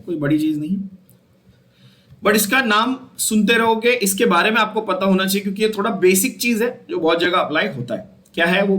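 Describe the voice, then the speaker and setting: A man's voice: fairly high pitch, fairly bright tone. A man. He keeps checking with the students and repeats each key term so it sticks. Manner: asks the students questions and repeats key terms, switching between Hindi and English. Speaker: chemistry teacher. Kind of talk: classroom lecture.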